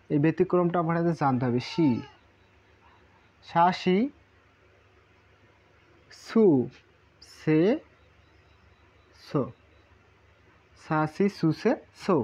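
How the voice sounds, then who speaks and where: A man's voice: a little high, a little mellow, muffled recording. A man teaching a casual Japanese lesson, repeating syllables in lists and asking rhetorical questions. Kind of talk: casual spoken lesson at a whiteboard.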